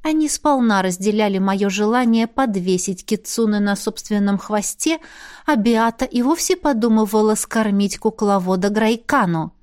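A woman narrating a first-person fantasy audiobook in an even, expressive storytelling manner. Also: medium pitch, normal speed.

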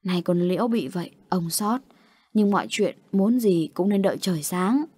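A woman's voice: mid-range voice, moderate pace, warm tone, husky, lightly acted. A woman voicing a stern, grieving old grandfather in an audio story, speaking in a solemn tone.

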